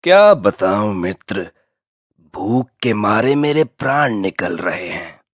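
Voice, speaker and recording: A starving crocodile groans through his lines, slow and heavy, his voice dipping low and rising with feeling. This is a schoolbook audio play, recorded dry and close with no room sound. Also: big pitch swings, no room sound, heavily acted. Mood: gloomy, hungry. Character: hungry male crocodile, gloomy and greedy. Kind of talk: textbook audio drama acting.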